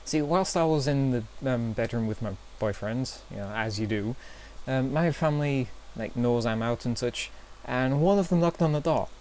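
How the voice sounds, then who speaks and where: A man's voice: medium pitch, moderate pace, hardly any pauses, darkish tone. A young man tells awkward stories to his camera in a chatty, self-deprecating way. He hedges with fillers and laughs at himself. A faint hiss sits under the recording. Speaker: vlogger. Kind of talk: casual storytelling vlog.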